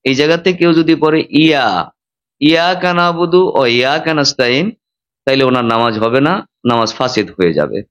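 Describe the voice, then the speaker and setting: A male preacher delivering a sermon in a teacherly way. He stresses words with sudden lifts and falls and slows down to model pronunciation. His voice sits at an ordinary middle pitch for a man. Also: lively intonation, a bit bright, lo-fi sound. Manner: teacherly, demonstrates Arabic pronunciation, emphatic rises and drops. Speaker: Islamic preacher.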